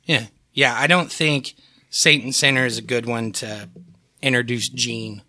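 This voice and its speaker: A man co-hosting a casual music podcast, with a very bright, forceful, tense tone. He rambles, restarts his sentences and swears freely as he works through his notes. The sound is dry and close. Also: mid-range voice, steady tone, unhurried, dry recording. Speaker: podcast co-host. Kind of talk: casual chat about music.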